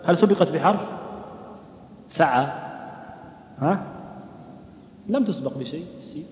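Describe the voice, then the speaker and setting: A man's voice: fairly high pitch, lively intonation, measured pace, a little mellow, slight background noise. A man teaching a lesson on recitation rules, often questioning his listeners and chanting short examples. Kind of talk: explaining a lesson to a class. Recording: echoey hall, dull lo-fi sound.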